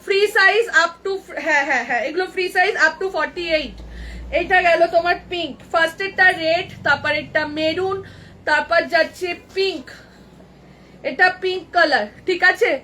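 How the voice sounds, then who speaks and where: A woman running a live clothing sale, briskly calling out prices over and over and chatting with helpers and viewers through an earbud mic. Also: very high-pitched, sharp tone, slight background noise. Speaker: boutique owner selling clothes live. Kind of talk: live sales patter.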